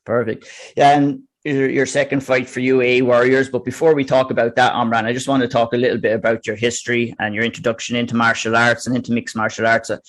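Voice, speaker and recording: Man hosting a fight-sport interview. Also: medium pitch. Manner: polite, structured questioning. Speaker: podcast host interviewer.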